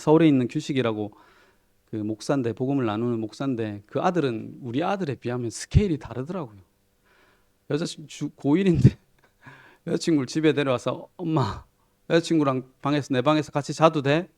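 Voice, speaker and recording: A middle-aged pastor tells everyday stories from the pulpit in a gravelly, mid-pitched voice. He talks in a chatty, self-deprecating way, often dropping to quiet asides and soft chuckles. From Korea. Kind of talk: conversational sermon storytelling.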